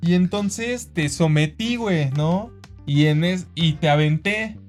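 A man with a Mexican accent co-hosting a podcast, telling a story in animated, slang-heavy casual chat. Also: on the high side, takes it slowly, faint music behind. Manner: animated storyteller, acts out quoted voices, slangy, says güey constantly. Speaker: podcast co-host.

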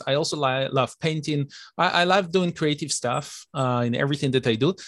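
A man's voice: mid-range voice, no echo, clean studio sound. A middle-aged man from Israel, a guest author, answering interview questions steadily with frequent fillers.

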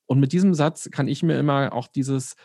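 A man talks as a podcast guest, explaining things at an even, mid-range pitch. The recording is dry and close. He now and then acts out the thoughts he is describing. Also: normal speed, no echo. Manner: explains calmly, acts out imagined inner voices. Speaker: guest, resilience expert. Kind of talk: conversational podcast interview.

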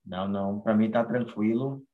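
A man chatting casually as a co-host, speaking hesitantly with many pauses and restarts. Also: on the low side, narrow, tinny audio. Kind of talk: casual chat.

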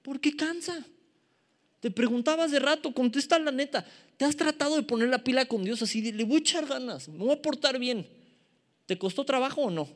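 A man's voice: very high-pitched, brisk. A man with a Mexican accent preaching a sermon, asking the congregation questions in a casual, self-deprecating way. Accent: Mexican Spanish. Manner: asks the congregation rhetorical questions.

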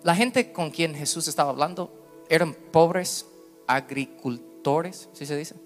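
A man in his thirties preaching a sermon as pastor, slipping English words into his Spanish and swinging between loud bursts and hushed asides. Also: on the high side, a little slow, soft background music.

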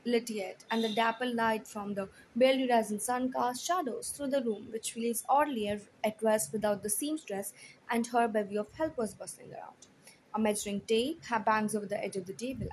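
Brief: woman audiobook narrator, soft and hushed, slightly high. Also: a little hiss or hum, rough recording. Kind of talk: first-person audiobook narration.

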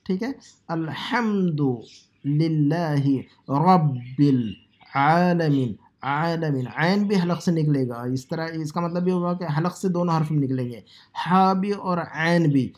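A man from South Asia teaching Arabic phrases, explaining in a conversational lesson and repeating words slowly to drill pronunciation. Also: on the high side, darkish tone. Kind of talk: language lesson, Urdu explanation.

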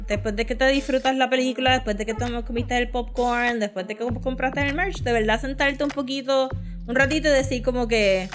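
A woman's voice: high voice, a bit bright. A woman with a Caribbean Spanish accent from Puerto Rico, speaking casually and with opinion as a podcast co-host, often switching into English. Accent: Puerto Rican Spanish.

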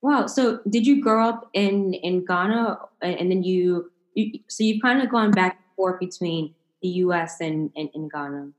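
A woman interviewing a guest, speaking haltingly with many restarts and filler words. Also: fairly low pitch, echoey room. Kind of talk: interview conversation.

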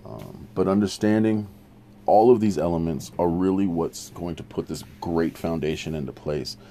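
A man's voice: sits low, normal speed, warm tone, slight background noise. A man hosting a recovery podcast, giving earnest, practical advice in an informal teaching monologue with frequent restarts.

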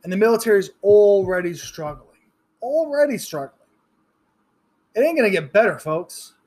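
A man in his thirties hosts a solo podcast in a blunt, profane rant. His voice sits slightly high for a man, and he often restarts his sentences as he pushes his points. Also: lively intonation, normal speed, darkish tone. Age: 30s. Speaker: podcast host. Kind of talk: ranting solo podcast commentary.

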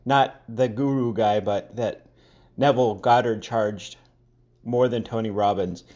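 A man's voice: on the low side, fairly even intonation, unhurried, darkish tone. A man hosting his own solo podcast, rambling in a wry, opinionated way and drifting off on tangents. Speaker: podcast host. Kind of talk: casual solo podcast monologue.

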